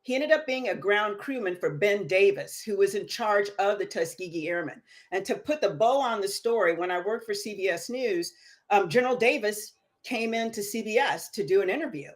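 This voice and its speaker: A middle-aged woman, a guest on an interview show, telling stories with a lively voice that rises as she gets excited. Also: medium pitch, normal speed. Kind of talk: storytelling interview.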